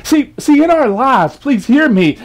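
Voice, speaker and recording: A man's voice: very high voice, very animated, a little slow, vocal fry. A man preaching a sermon, stretching out scripture readings and restarting his phrases with emphatic repeats.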